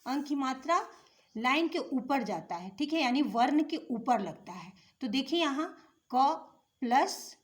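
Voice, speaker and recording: Slow, high-voiced woman teaching young children. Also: animated. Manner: patient, repeats and asks the class questions. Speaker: primary school teacher. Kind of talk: slow classroom explanation of letters.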